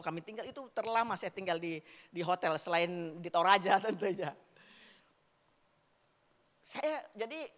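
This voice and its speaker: A middle-aged woman gives a sermon, weaving in lively personal stories and turning often to address her listeners directly. Her voice sits at an ordinary pitch for a woman. A long church reverb trails after every phrase. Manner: lively storytelling, keeps calling out to the congregation. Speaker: evangelist preacher. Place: church sanctuary.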